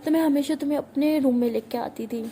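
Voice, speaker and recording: A woman's voice: sits high, quick pace, warm tone, natural voice. A woman voicing a middle-aged mother who is loving but strict, coaxing and scolding her daughter. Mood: tender.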